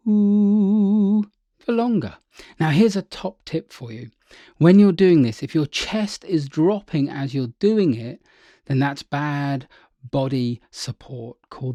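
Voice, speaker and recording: A man's voice: fairly high pitch, dark tone, no echo. A man teaching a singing lesson as a vocal coach, upbeat and chatty, checking in with the listener often.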